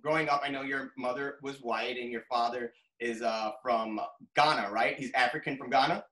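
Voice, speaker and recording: Upbeat host guy, bright sharp voice, kinda roomy echo. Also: mid-range voice, fairly even intonation, normal speed. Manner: upbeat, promotional. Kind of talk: interview show hosting.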